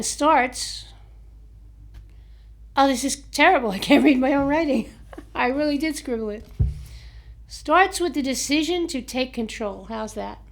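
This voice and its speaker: An American woman with a high-pitched voice hosts a casual book show. She reads aloud haltingly from her notes and books, chatting and laughing at herself as she goes. Her throat sounds slightly sore. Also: fairly bright tone. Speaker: host of a book review show.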